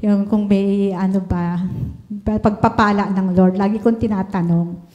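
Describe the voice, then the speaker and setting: A woman's voice: mid-range voice, steady tone, a little slow, mellow, lo-fi sound. An older woman giving a hesitant, polite testimony at a church prayer meeting. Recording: long hall reverb in a church.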